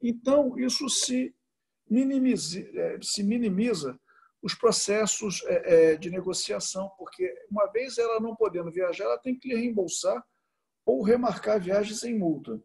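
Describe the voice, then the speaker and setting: Speaking at normal speed, the tourism association president fields questions as a guest in an online talk, often hesitating and starting over. His high voice is creaky and a little mellow, with a breathy edge.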